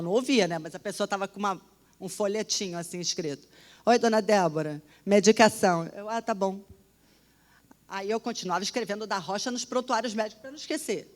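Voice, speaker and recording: Woman telling a dramatic story. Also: medium pitch. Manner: animated, dramatic storytelling with sudden drops to a hush. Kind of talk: personal testimony.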